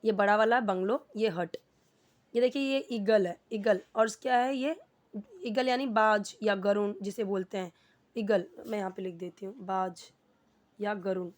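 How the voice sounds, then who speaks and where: A woman's voice: mid-range voice, measured pace. A woman teaching English, patiently asking and answering her own questions. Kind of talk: explaining a lesson.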